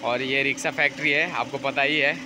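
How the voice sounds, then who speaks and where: This factory walk-through comes from an Indian man vlogging on a handheld phone, his commentary casual and repetitive as he moves through the big workshop and yard. He has a medium pitch and steady tone, talks fairly quickly, and there is background noise.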